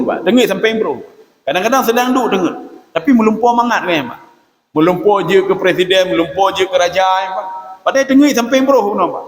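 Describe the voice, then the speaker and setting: A man giving a religious lecture, often addressing listeners as "Pak" and reciting Arabic prayers slowly, with an Acehnese-tinged Indonesian accent. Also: high voice, a bit bright. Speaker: preacher. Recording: echoey hall, reverberant.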